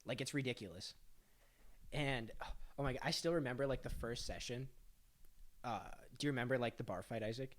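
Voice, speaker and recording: A man's voice: mid-range voice, fairly quick, long pauses. A young man co-hosting a casual podcast chat, full of fillers and stammered restarts as he tells stories. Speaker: podcast co-host.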